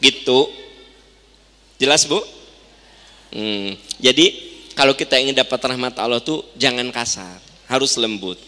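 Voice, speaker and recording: A man's voice: mid-range voice, measured pace, long pauses. A middle-aged man with a Sundanese accent preaching in a mosque, chatty and questioning his listeners, acting out little everyday scenes. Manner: lively, chatty, quizzes the audience, acts out little scenes. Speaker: Islamic preacher. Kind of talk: sermon. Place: mosque hall. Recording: reverberant mosque hall.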